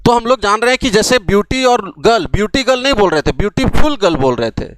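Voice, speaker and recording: A man's voice: sits high, animated, quick pace, a bit bright, no echo. A young man teaching an English grammar lesson to the camera, asking questions and answering them himself. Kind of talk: classroom lecture to camera. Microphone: camera mic, recorded for an app course.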